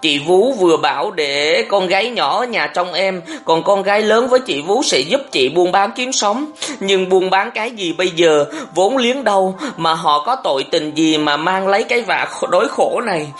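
A woman's voice: on the low side, lively intonation, moderate pace, pitched above the performer's own voice, natural voice. A narrator voicing a bitter, suspicious young mother who scolds her brother in an audiobook. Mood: reproachful. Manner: scolding, reproachful. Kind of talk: audiobook character reading.

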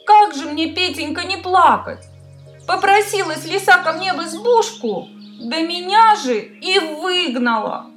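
A weepy little storybook hare, voiced by a woman, whines plaintively in a very high voice that climbs and swoops. He sobs as he complains. Faint music plays behind him. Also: very animated, slow, fairly bright tone, heavily acted. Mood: tearful, plaintive. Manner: plaintive whining. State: crying. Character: small tearful male hare, pitiful.

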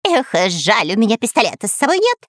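A woman's voice: fairly high pitch, huge pitch swings, brisk, no room sound, studio quality, voice pushed up. A woman voicing a cowardly, grumbling male spy in a storybook reading, in a whiny manner. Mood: regretful.

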